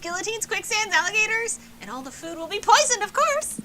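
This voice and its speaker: A woman's voice: extremely high pitch, sing-song, fairly quick, background noise, voice pushed up. A woman voicing a bubbly, morbid party-girl ghost who talks in hyper, squealing exclamations.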